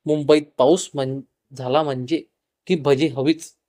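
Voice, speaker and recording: A man's voice: fairly high pitch, steady tone, a little slow, dark tone, no room sound, close to an everyday voice. A man voicing a cheerful, talkative young woman neighbor who speaks in a playful, teasing way.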